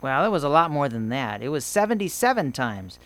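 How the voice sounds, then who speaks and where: A woman hosting a children's Bible lesson, gently teaching and playing along with a puppet. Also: a bass voice, very animated, brisk.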